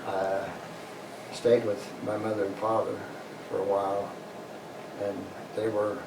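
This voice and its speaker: An older American man speaks from a little way off in an echoing room. He is a veteran looking back on his life, plain-spoken and halting, in a low voice that stays fairly flat. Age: older, 60s or above. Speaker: interviewee, war veteran. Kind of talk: personal reminiscence in an interview. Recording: roomy, distant mic, noisy background.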